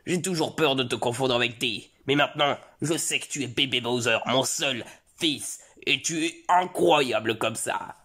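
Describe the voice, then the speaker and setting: Man doing a low, gruff Bowser father. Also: sharp tone. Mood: tender. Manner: low, slow, dramatic. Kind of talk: comedic fan parody acting.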